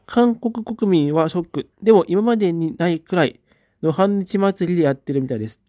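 A man in a casual livestream, reading out viewer comments and giving short, relaxed replies. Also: fairly high pitch, no echo, clean studio sound. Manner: relaxed, reads comments aloud with brief replies.

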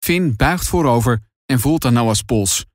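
A man reading a children's adventure audiobook in dramatic, expressive scripted narration. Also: medium pitch, a little slow, dry recording, clean studio sound.

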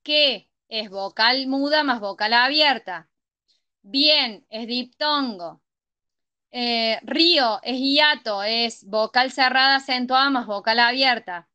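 A woman tutors a grammar class, her voice high and bright. She moves through examples step by step and keeps checking that her students are following. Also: smooth, muffled recording. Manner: checks understanding with frequent ¿sí? and ¿estamos?.

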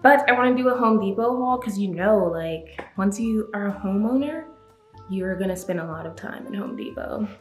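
A woman's voice: mid-range voice, expressive, moderate pace, faint music behind. A woman in her twenties chatting casually to viewers as she tours her empty new house, a little out of breath. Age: 20s. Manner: chatty, upbeat, talking to viewers. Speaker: vlogger. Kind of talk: casual home tour vlog.

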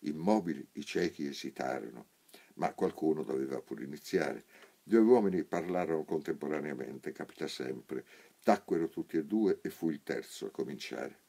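A man narrating a literary audiobook with a very low, dark voice. His tone is husky and mellow, and he tells the story at an unhurried, measured pace. He lifts his pitch when quoting characters. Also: expressive. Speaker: actor reading a novel aloud.

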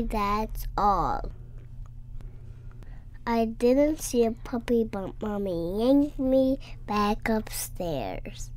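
A woman voicing a slow, soft-spoken small child. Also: on the high side. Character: small innocent child recalling a dark secret. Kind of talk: scripted horror story narration.

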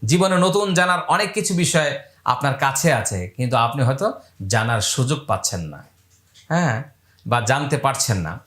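A man teaching Quran recitation step by step in speech, counting beats aloud and chanting the letters in long drawn-out tones. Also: medium pitch, expressive, fairly bright tone, reverberant.

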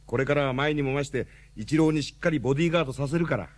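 In a radio drama, an actor plays a talkative, excitable young man who comes across as knowing, protective and a bit exasperated. He explains things in rapid-fire bursts with a natural, medium-pitched voice.

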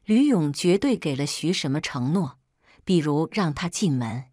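Woman storyteller, low voice, steady measured reading, dry close sound. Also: no room sound. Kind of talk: first-person scripted story narration.

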